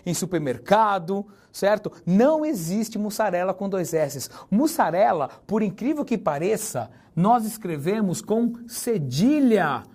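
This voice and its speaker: Joking teacher. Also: male voice, sits high, a little mellow. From Brazil. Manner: chatty, joking, spells words out slowly and stresses them. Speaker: Portuguese teacher. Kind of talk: recorded exam-prep lesson.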